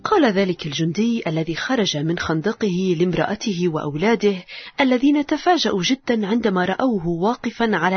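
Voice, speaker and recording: A woman narrates a story with a gentle, expressive reading. Her voice is very husky and breathy, with a lively melody. The recording is dry and dull, with little high end. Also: no echo.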